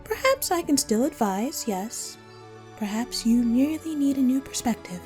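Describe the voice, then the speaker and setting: A woman voicing a teasing, riddling female cat from Wonderland in an audio roleplay, coy and playful with drawn-out, whimsical phrasing. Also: high voice, expressive, a little mellow, faint music behind. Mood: whimsically advising. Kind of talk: scripted audio roleplay addressed to the listener.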